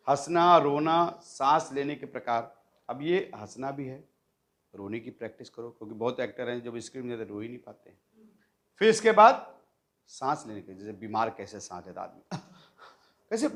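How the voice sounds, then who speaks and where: A man gives an acting lesson, his pitch leaping from low and quiet to high and loud. He demonstrates lines himself and keeps checking in with his students. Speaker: acting teacher. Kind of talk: coaching lecture to acting students.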